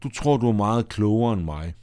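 A man's voice: on the low side, animated, warm tone, smooth, no room sound, clean studio sound, lightly acted. A man reading aloud as a hesitant, hurt girl who feels mocked.

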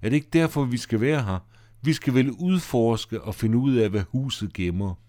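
A man's voice: mid-range voice, mellow, dry recording, clean studio sound, close to an everyday voice. A man reading aloud as a cocky boy who mocks the others. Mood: mocking. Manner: mocking and boastful.

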